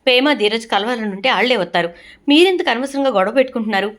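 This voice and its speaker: A woman's voice: fairly high pitch, lively intonation, quick pace, fairly bright tone, voice pushed up. A woman voicing a scheming young daughter-in-law who pleads and protests her innocence in a retold serial. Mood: pleading.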